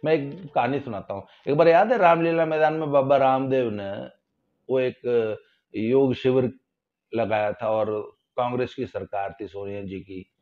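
A man giving casual spoken commentary, folksy and sarcastic, getting loud when he stresses a point. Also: medium pitch, moderate pace, lo-fi sound. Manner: folksy, sarcastic, rises loudly for emphasis. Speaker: political commentator.

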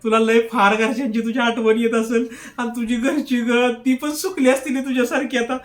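A man's voice: very high voice, flat delivery, fairly quick. Man, comic husband, pleading, giggly. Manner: giggly, pleading, keeps laughing while denying it. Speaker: husband in comedy skit. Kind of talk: comic sketch acting.

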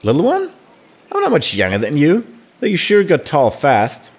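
A man's voice: on the high side, huge pitch swings, normal speed, breathy edge, voice pushed up, exaggerated voice. A man putting on a cheeky young girl. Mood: sly. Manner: teasing, chatty, sly. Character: cheeky young woman, sneaky playful girl. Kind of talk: reading game dialogue aloud.

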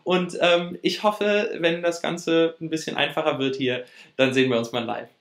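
A man's voice: a little high, fairly even intonation, normal speed, a bit bright, roomy sound. A middle-aged man hosting a late-night talk show in an effusive, showman-like manner. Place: indoor studio set.

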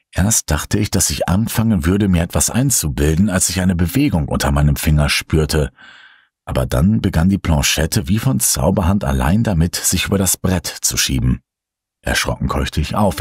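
A man reading a horror story aloud in a calm, low storytelling voice. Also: slightly rough, no room sound, clean studio sound. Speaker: narrator. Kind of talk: scripted horror audiobook narration.

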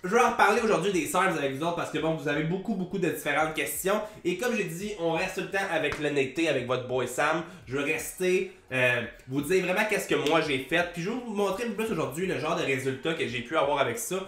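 Nasal from a head cold, this young Québécois-accented man from Quebec coaches fitness in a casual vlog, talking fast and animatedly to camera with lots of gestures and the odd swear word. His slightly high voice has a roomy sound with a little hiss or hum, picked up by a big boom-arm desk mic in a small plain grey-walled room.

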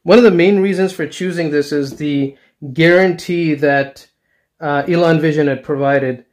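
A man's voice: a little high, moderate pace. A middle-aged man giving a casual, enthusiastic walkthrough of his basement home theater, with lots of fillers and restarts, recorded on a handheld camera. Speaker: home theater hobbyist vlogger. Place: dark basement home theater room, indoors.

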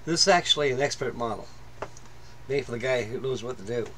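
A middle-aged man with a medium-pitched, slightly bright voice talks briskly at the workbench in his home hobby room, with slight background noise. His commentary on a model build is casual, plain-spoken and rambling, full of fillers and restarts.

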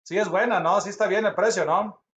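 A man with a high-pitched voice gives casual live commentary as a stream host. He repeats short phrases to urge things along. The sound is slightly dull and lo-fi, as from a computer at his desk. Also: steady tone, brisk, a bit bright. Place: small office with a whiteboard.

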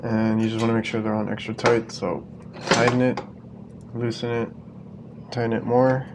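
Gravelly-voiced man narrating repair work. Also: mid-range voice, normal speed, background noise. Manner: relaxed, plain-spoken, explains as he works. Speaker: refrigeration technician. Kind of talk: casual on-the-job narration. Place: inside a walk-in cooler. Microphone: head-mounted action camera.

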